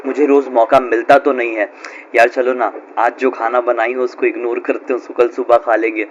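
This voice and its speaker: A man's voice: mid-range voice, level tone, moderate pace, muffled recording, a little hiss or hum, voice pushed down, lightly acted. A man voicing a laid-back, persuasive husband and father in a story. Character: easygoing relaxed husband and father.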